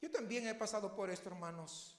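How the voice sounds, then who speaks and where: A man's voice: high voice, expressive, brisk, roomy sound. A man preaching a heartfelt, personal sermon that builds to emphatic questions. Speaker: pastor.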